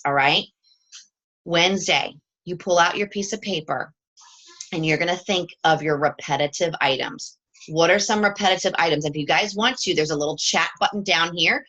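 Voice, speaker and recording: A woman's voice: fairly low pitch, pushed and bright, low-quality recording. A woman leading a live coaching chat with her team from home, upbeat and chatty and often checking in with "okay?".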